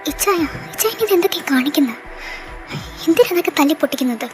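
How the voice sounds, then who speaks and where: A woman voicing a sharp-tongued, scornful young wife in a fan audio drama, answering with cutting taunts. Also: a little high, normal speed, music in the background, lightly acted, rough recording. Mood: alarmed.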